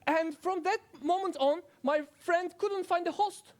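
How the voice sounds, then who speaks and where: A man's voice: extremely high pitch, unhurried. A man playing a friendly, talkative good virus in a stage science talk, speaking playfully to the audience as if they were children. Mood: playful, chatty.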